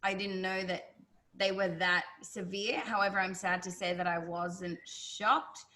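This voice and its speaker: Bright-voiced woman host. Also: medium pitch, flat delivery, measured pace. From Australia. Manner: sympathetic, chatty, open. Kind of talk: interview chat.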